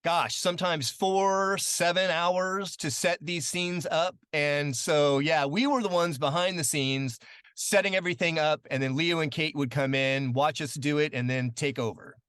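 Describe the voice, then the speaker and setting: Bright, chatty man telling stories. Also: a little high, a little slow, clean tone, dry recording, clean studio sound. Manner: chatty, many fillers, animated when quoting. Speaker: guest. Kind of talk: casual storytelling interview.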